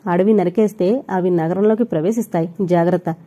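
A woman's voice: lowish voice, a little fast, mellow, lightly acted. A woman voicing a caring husband who cautions his wife, in an audio novel. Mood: cautioning. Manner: cautioning, protective.

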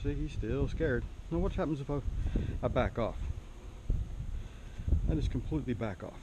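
A man giving a relaxed outdoor snake demonstration on a handheld camera, explaining and asking the viewer questions. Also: mid-range voice, normal speed, very noisy. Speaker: snake educator. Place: outdoors near a trailer. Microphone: handheld camera mic.

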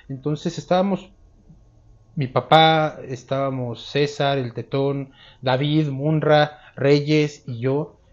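A man in his thirties with a Mexican accent, recounting a memory in an interview with a lapel mic, in a drawn-out storytelling way. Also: mid-range voice, darkish tone, highs cut off. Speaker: eyewitness interviewee. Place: dark room, seated.

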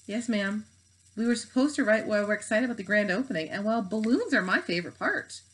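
A woman's voice: medium pitch, lively intonation, a little fast, a bit bright, husky, voice pushed up, low-quality recording. A woman reading aloud, voicing a sheepish, half-hearted schoolboy. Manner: mumbling, sheepish.

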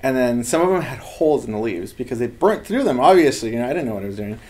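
A Los Angeles man in his thirties who heads a lab talks earnestly and animatedly about his work during a casual interview in an indoor office lined with bookshelves. He is a fast talker with a mid-range, sing-song, darkish voice.

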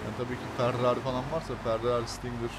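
A young man talks through his gameplay in a casual, excitable way, grumbling and swearing when things go wrong. His voice sits at an average pitch for a man. Loud traffic and street noise run constantly behind him. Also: racing. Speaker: gameplay commentator. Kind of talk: casual let's-play commentary.

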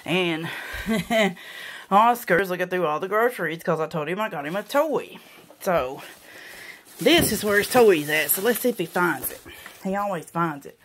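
A woman's voice: lowish voice, expressive, moderate pace, fairly bright tone, slight background noise. A woman filming at home with a phone, coaxing her dog in sing-song baby talk and a little out of breath. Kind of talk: casual home video.

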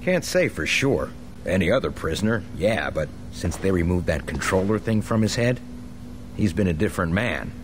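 Upbeat american soldier in a game, deep but really lively, respectful and chatty. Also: male voice, normal speed, noisy background. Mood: earnest, upbeat. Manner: chatty, deferential. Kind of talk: video game cutscene acting.

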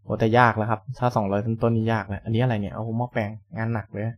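A man's voice: on the low side, level tone, very fast. A young man casually commenting on a truck driving game, chatty and polite, thinking aloud as he plays, with game engine noise behind him. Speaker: gaming channel host.

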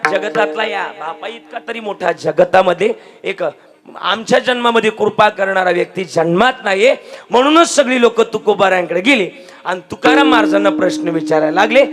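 A man's voice: high-pitched, fairly bright tone. A man preaching a devotional sermon, asking the audience questions and breaking into song. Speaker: kirtan preacher. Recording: live music under the voice. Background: tabla and instrumental accompaniment.

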